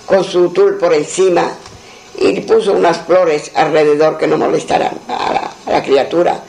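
Male folk storyteller, high voice with a gravelly edge, plain and repetitive delivery. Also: fairly even intonation, normal speed, darkish tone, rough recording. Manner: plain storyteller voicing the characters, repeating phrases. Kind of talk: oral folk tale telling.

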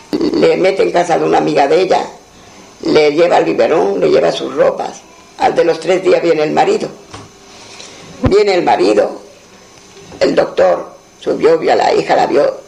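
A man's voice: fairly high pitch, creaky, a little mellow, poor audio. A man telling a folk tale aloud in a plain, repetitive storytelling manner, voicing the characters' lines himself.

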